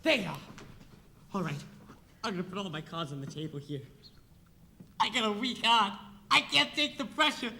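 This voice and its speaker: A young man plays a brash, anxious theatre producer in a stage musical. His voice is very high and very bright, and he speaks in a blustering way. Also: lively intonation, normal speed, creaky, pauses often, slight background noise, heavily acted.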